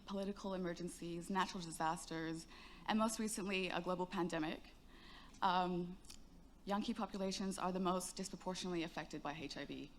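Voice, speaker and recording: A woman with a fairly low voice speaks on a conference panel, measured and hesitant, often pausing on "um". A faint hum of room ambience sits behind her. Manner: measured, hesitant, with many ums. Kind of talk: panel discussion answer. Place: conference stage.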